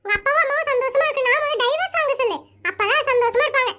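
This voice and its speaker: A chirpy cartoon schoolgirl who chatters on with giggles in her voice, voiced by a performer. The voice is extremely high, quick and bright. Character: cheerful young girl, chatty. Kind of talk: animated comedy cartoon voicing.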